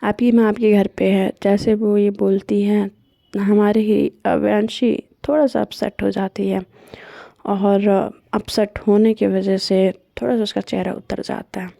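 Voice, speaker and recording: A woman's voice: mid-range voice, little pitch movement, unhurried, vocal fry, dark tone, no echo, studio quality. A woman vlogger casually narrating a love story in a chatty way, with fillers and self-corrections.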